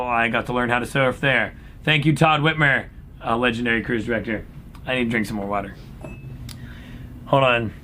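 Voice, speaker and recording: A man speaking as an upbeat, folksy cruise director, casually answering questions in a laid-back chat. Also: bright, forceful tone. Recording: clear background noise with low rumble.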